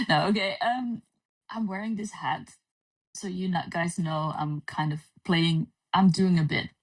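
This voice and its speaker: Her voice sits on the low side: a woman from the Netherlands chatting casually as a livestream guest, pausing often in her relaxed talk. The stream audio is distant and echoey, giving her words a cavernous, far-off quality.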